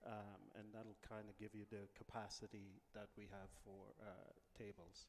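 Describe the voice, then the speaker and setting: A man from the Bahamas, a casino executive answering interview questions in a relaxed way with many pauses. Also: lowish voice, in a large hall, slight background noise.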